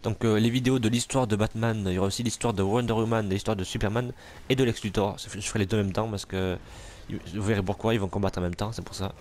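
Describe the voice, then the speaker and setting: A man's voice: fairly low pitch, fairly even intonation, quick pace, a little mellow, slight background noise. A man casually commentating a superhero video game, joking, swearing and talking back to enemies on screen. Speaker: gamer commentating gameplay. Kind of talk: let's play commentary.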